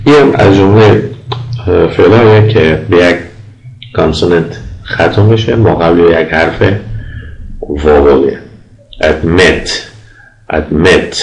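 A man with an Afghan Dari accent teaching English grammar as a lecturer, patiently repeating example words slowly for pronunciation. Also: low-pitched, creaky, darkish tone, echoey room, low-quality recording. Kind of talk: recorded lecture.

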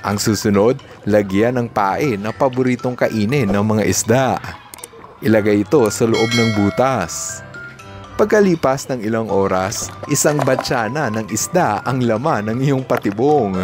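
With music playing in the background, a male host narrates scripted voice-over in a lowish voice at a measured pace. He's upbeat, dropping English asides and reactions into his Taglish commentary.

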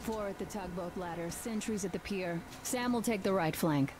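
A woman playing a capable young female soldier in a video game, earnest and brisk in her commands. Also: medium pitch, a little mellow, slight background noise, close to an everyday voice. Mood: businesslike. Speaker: squad member giving a mission briefing.

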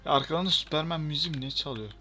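A young man giving chatty, excitable let's-play commentary and talking back to the game. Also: a little high, rapid-fire. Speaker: gaming channel host.

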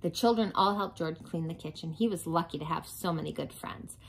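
A woman reading a picture book aloud to children in an expressive storytelling style. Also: low voice, fairly quick, creaky, slightly rough, rough recording. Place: small home playroom, indoors.

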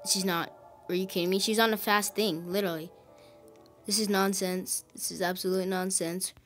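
Excitable woman giving frustrated gameplay commentary. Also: medium pitch. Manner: excitable, quickly frustrated, calls teammates idiots. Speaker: gaming video host.

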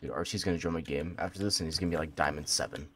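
A young man chatting and joking while streaming a game from his bedroom, now and then bursting into excited boasts. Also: a bass voice, very fast, slight background noise. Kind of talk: casual live-stream chat.

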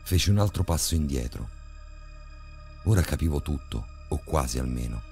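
A man narrating a horror story in a measured, grave way. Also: very deep voice, animated, warm tone, faint music behind.

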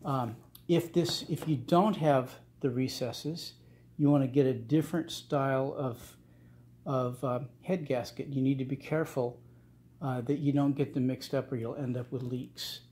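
A middle-aged man giving a casual workshop how-to, talking in a halting way with many fillers and restarts. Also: medium pitch, steady tone, a little mellow. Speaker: channel host restoring cars. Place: home garage workshop, indoors.

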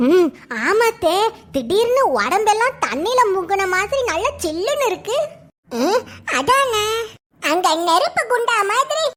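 A fretful village woman in a cartoon ghost story, as a voice artist plays her frets and gasps in a southern Tamil Thoothukudi accent. Her voice is very high and bright, and it rises and falls widely. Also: sing-song, unhurried, exaggerated voice. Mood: uneasy. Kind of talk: cartoon voice acting.

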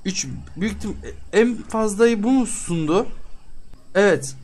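A man's voice: sits high, unhurried, a little mellow. A man hosting a game let's-play, chatting with the characters on screen as he haggles over prices and often bursts out in exasperation. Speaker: gaming channel host.

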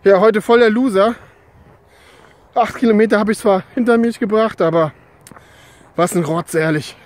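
Breathless high-voiced man vlogging while running. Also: moderate pace, dry recording. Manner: talking while out jogging, in short broken bursts. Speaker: sports vlogger. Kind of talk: casual selfie vlog, complaining frankly. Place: outdoors on a country path by open fields. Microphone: phone at arm's length. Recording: outdoor ambient noise.

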